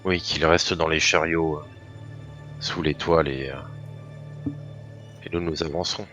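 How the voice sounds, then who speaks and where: A man's voice: rumbling low, steady tone, slow, a bit bright, faint music behind. A man improvising his turns as a player in a tabletop role-playing game. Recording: dull lo-fi voice channel.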